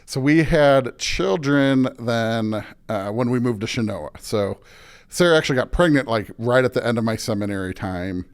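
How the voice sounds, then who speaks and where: Speaking at a moderate pace with a clean, expressive, medium-pitched voice, the middle-aged man answers interview questions chattily. He's a Midwestern-accented Illinois suburbanite who leans on stories and the word "like."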